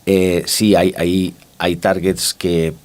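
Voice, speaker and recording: A consumer market expert from Barcelona, speaking Spanish-accented English from Spain, explains his views reflectively in a conversational interview, often checking whether the listener agrees. His voice is low, flat in delivery and slow.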